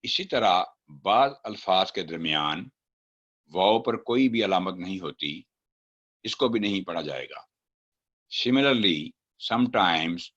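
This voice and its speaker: A man's voice: fairly low pitch, fairly bright tone, highs cut off. A man teaching Quran recitation, chanting example words syllable by syllable and then explaining the rules. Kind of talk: step-by-step recitation lesson.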